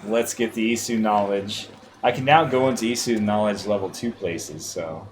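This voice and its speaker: A man's voice: on the low side, normal speed. A man streaming a video game live, muttering and swearing casually at it as he plays. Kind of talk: casual gameplay commentary. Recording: noisy livestream audio.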